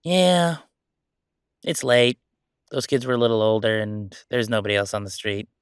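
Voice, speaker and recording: In a clear, resonant medium-pitched voice with fairly even intonation and moderate pace, an actor lightly performs a chatty, sardonic ghost roommate for roleplay audio. The conversational talk is casual, teasing and exclamatory, with a wistful, easygoing mood, recorded clean in the studio with no room sound.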